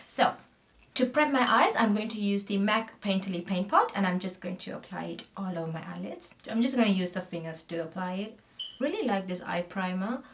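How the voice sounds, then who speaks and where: A Sri Lankan woman in her thirties, a makeup vlogger, chats with a camera set close to her while doing her makeup in a small indoor room with a plain backdrop. Her mid-range voice is friendly and talkative, often trailing off mid-sentence, with slight background noise.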